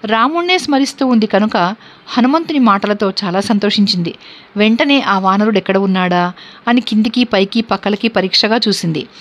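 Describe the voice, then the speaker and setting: A woman host reading scripture aloud with steady, measured recitation. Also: mid-range voice. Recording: dull lo-fi recording.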